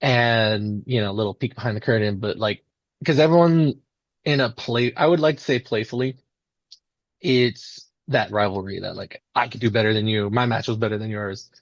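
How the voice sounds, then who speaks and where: Being interviewed, a male independent pro wrestler speaks at a normal pace in a lowish voice, rambling happily through stories and voicing quotes he imagines along the way. There's no echo, but the highs are cut off.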